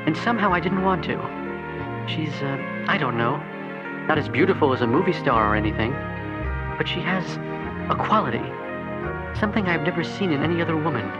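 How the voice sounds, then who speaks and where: An earnest young hero, voiced by a man telling his own story in a cassette audio drama. His voice sits a little high, and loud music plays under him. The recording sounds dull and muffled. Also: expressive, brisk, pauses often, natural voice. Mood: reflective. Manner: earnest and reflective. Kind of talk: first-person audio drama narration.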